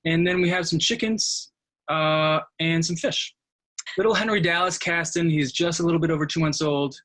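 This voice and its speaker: A man in his thirties, a history teacher, answering interview questions in a relaxed, friendly storytelling way. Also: on the high side, normal speed, rough recording.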